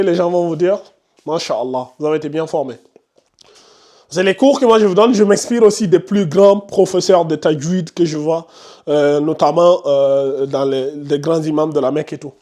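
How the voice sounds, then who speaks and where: In a classroom, a high-pitched man teaches tajwid, patiently going over each rule again and again and quizzing his students along the way. He is firm and scolds chatty pupils into silence.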